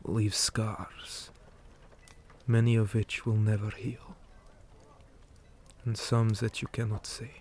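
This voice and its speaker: For an ASMR roleplay, a man plays a weary, principled orc commander in a low, dark voice with little pitch movement. He speaks very slowly, gravely, and in a measured way, often sinking into a breathy whisper, with a sombre, regretful mood. Faint noise can be heard behind him.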